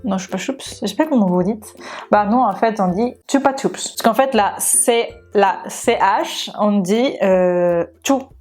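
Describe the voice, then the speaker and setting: A woman's voice: mid-range voice, measured pace, a little mellow, faint music behind. A young Spanish woman speaking French with a Spanish accent, chatting casually to camera in her vlog with many fillers. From Spain. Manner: chatty, many fillers and restarts, laughs often. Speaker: makeup YouTuber.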